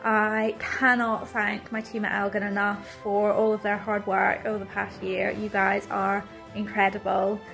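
A young woman with a gravelly, fry-laden voice gives humble thanks in a flat, even tone. Soft music plays under her. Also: medium pitch, measured pace, hardly any pauses. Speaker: award winner. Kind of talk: acceptance speech. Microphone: video call.

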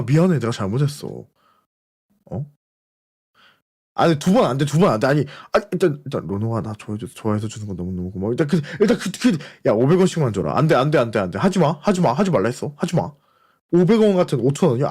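Man, live streamer, casual chat, teasing banter, rapid repeated apologies, very lively pitch. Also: breathy edge. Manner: playful mock-threatening banter, repeated apologies; fast repetitive interjections.

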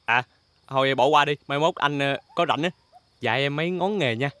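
A man's voice: medium pitch, brisk, bright, forceful tone, smooth, no echo, natural voice. An actor playing a fawning young man, ingratiating and giggly.

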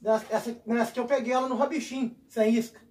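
A man, narrating a fishing vlog from a windy platform on the water and excitedly calling out to his viewers. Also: extremely high pitch, racing. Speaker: fishing vlogger. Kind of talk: casual outdoor fishing vlog.

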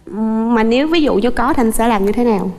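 A woman's voice: on the high side, a little fast, darkish tone, big-room sound. A young woman from the Mekong Delta with a southern Vietnamese accent, talking politely and earnestly as a dating show contestant. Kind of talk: polite casual chat.

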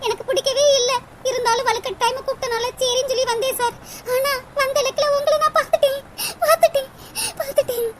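A woman's voice: very high-pitched, flat delivery, fast talker. A woman voicing Priya, a tearful lovesick young woman. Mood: pleading. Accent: southern Tamil, Tirunelveli. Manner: pleading, sorrowful. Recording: loud background noise.

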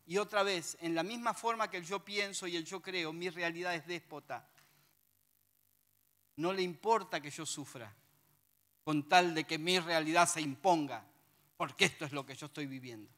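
A male preacher with a Rioplatense Spanish accent, giving a lively sermon that reads scripture aloud and adds humorous asides to the congregation. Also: a little high, moderate pace.

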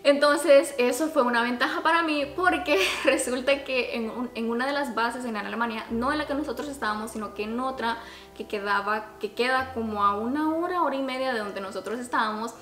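A young woman vlogger chats expressively through a casual storytime. Her voice sits fairly high. The room adds clear echo, and music plays behind her. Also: a little fast. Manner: expressive, chatty, talks with her hands. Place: small furnished room at home, indoors. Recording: roomy home video sound. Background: background music.

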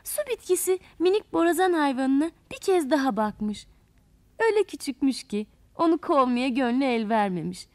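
A woman narrating a children's fairy tale in an expressive storytelling manner. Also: sits high, moderate pace, no room sound.

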